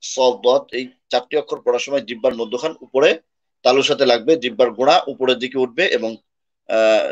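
A man from Bangladesh teaching a Quran pronunciation lesson, who explains patiently and then chants long, drawn-out Arabic syllables. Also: mid-range voice. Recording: slightly dull lo-fi audio.

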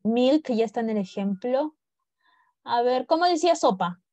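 A woman's voice: fairly high pitch, animated, moderate pace, dark tone, dry recording. Patient woman teacher coaxing young pupils. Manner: patient, coaxing, mixes Spanish and English, drills pronunciation. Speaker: English teacher. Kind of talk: online primary class lesson.

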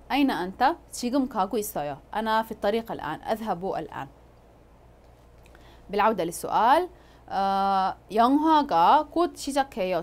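A woman teaching a language lesson, explaining words patiently and pausing often with drawn-out fillers. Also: medium pitch.

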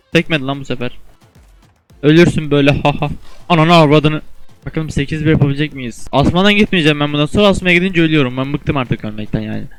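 A young man giving casual commentary over his own shooter match, excitable and quick to swear and trash-talk, shouting suddenly in tense moments. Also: fairly high pitch, no echo. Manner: excitable, swears and trash-talks teammates and enemies. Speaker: gamer and video host.

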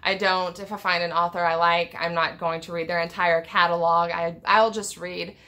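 A woman's voice: on the low side, level tone, normal speed, bright, forceful tone. A woman in her thirties chatting unscripted on a home vlog, thoughtful and rambling, often restarting her sentences. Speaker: book vlogger. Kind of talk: unscripted book tag vlog. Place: home room with packed bookshelves.

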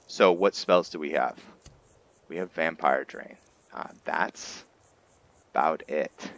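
Speaking slowly in a bass voice, a man comments casually on his roleplay playthrough as a gamer, explaining for viewers and often responding to questions he asks himself.

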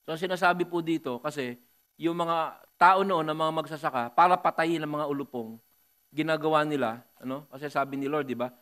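Emphatic Filipino pastor preaching. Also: male voice, fairly high pitch, brisk. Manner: emphatic, rising to loud bursts, joking asides. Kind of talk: Taglish sermon.

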